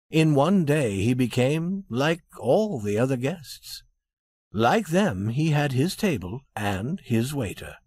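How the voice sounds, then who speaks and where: Male narrator, lively storybook read, slightly husky, dry close mic. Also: mid-range voice, no echo. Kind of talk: storybook reading for English learners.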